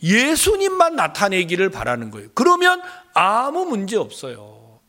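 High, animated male pastor preaching. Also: normal speed. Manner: dramatic, acts out dialogues and tells stories. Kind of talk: sermon.

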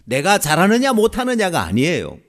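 A man's voice: sits high, huge pitch swings, fairly quick, a bit bright. A man preaching a sermon, acting out the voices of biblical figures as he goes. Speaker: pastor.

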